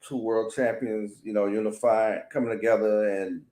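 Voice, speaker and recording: A man with a lowish voice talks sports casually. He is agreeable and easygoing, with colloquial phrasing. The room around his voice sounds very echoey. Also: little pitch movement, normal speed, dark tone.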